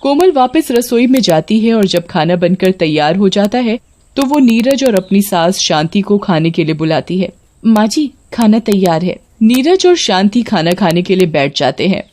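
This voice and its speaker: A woman narrating a family story in a steady, even way. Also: medium pitch, normal speed.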